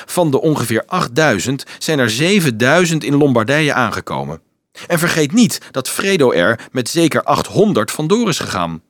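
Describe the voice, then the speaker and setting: A man's voice: mid-range voice, normal speed, no echo, clean studio sound, voice pushed up. A man voicing a mocking, worldly young male student in an audiobook. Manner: mocking, animated.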